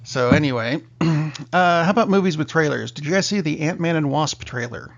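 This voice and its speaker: A man's voice: fairly high pitch, normal speed, creaky. A middle-aged man hosting a film podcast, leading the segments with dry joking asides. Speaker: podcast host. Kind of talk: casual chat. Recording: muffled lo-fi podcast audio.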